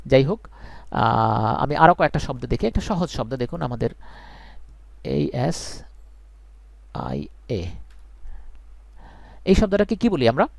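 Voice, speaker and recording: A man's voice: medium pitch, sing-song, fairly quick, creaky, dry recording. A man, teaching English in a live online class, earnest and reassuring, repeating points for emphasis. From Bangladesh.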